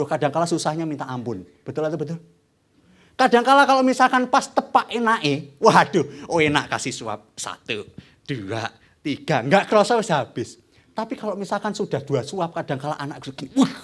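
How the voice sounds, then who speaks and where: Young guy preaching, high voice that jumps all over. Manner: animated, asks the congregation questions. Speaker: evangelist preacher. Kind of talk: sermon. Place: church.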